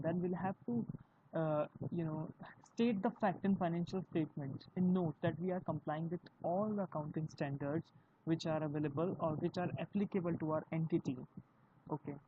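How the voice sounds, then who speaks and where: Indian-accented accounting tutor, mellow tone, halting delivery, dull lo-fi recording. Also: medium pitch. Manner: halting, with frequent "you know" fillers. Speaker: accounting teacher. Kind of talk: explanatory video lesson. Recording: dull lo-fi recording with faint hiss.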